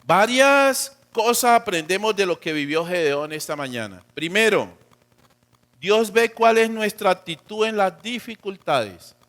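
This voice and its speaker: A man with a Colombian accent preaching a sermon as pastor, swinging between loud emphatic lines and quiet dropped endings, and acting out quoted voices. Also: sits high, expressive, a little slow. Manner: acts out quotes of God and of church members.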